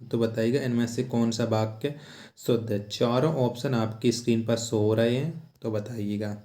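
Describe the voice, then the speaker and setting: Speaking at a moderate pace in a steady tone, a man with a medium-pitched, dark voice runs an exam question-and-answer lesson. He works step by step, announcing questions and answers, repeating himself, and asking rhetorical questions. There's an echo from the room.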